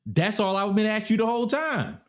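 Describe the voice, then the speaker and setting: A man's voice: high-pitched, fairly quick. A man in his thirties co-hosting a podcast, arguing emphatically and with swearing in casual debate. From Baltimore area. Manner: emphatic, animated, profane, repeats himself. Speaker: podcast co-host.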